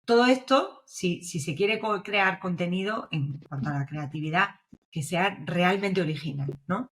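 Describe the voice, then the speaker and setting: A young woman from Navarre, Spain, a developer advocate with a Spanish accent, appears as a guest on a casual podcast interview explaining her views. She speaks unhurriedly in a lowish, somewhat bright voice, frequently checking in with her listener through tag questions.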